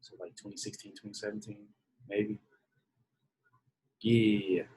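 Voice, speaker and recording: A man in his twenties, a podcast guest in casual chat, laid-back and slangy and quick to poke fun at himself. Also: on the low side, steady tone, a little mellow, poor audio. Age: 20s.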